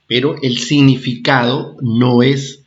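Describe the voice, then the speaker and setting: A man's voice: medium pitch, fairly even intonation, muffled recording. A man teaching a primary school lesson, repeating his points and checking understanding as he goes. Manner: slow, repetitive, checks understanding with "¿ah?" and "¿de acuerdo?". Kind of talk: recorded classroom lesson for children.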